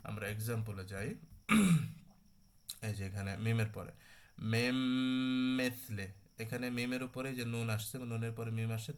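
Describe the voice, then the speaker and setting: A man's voice: medium pitch, a bit bright. A man teaching a Quran recitation class online, talking conversationally, correcting himself and often checking that students follow. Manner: self-correcting, restarts mid-phrase; slow drawn-out recitation of examples.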